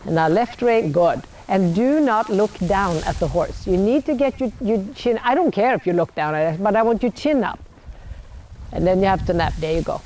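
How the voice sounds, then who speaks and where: Female riding coach, outdoor arena with light ambient noise. Blunt, brisk, projected commands in short repeated phrases. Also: medium pitch, lively intonation, mellow. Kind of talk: live horse-riding lesson, calling out instructions.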